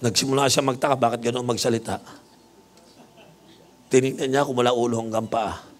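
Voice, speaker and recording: A man's voice: mid-range voice, steady tone, fairly quick, a faint crowd. A male bishop preaching a sermon, telling stories with humor and mixing English phrases into his talk. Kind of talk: sermon with storytelling.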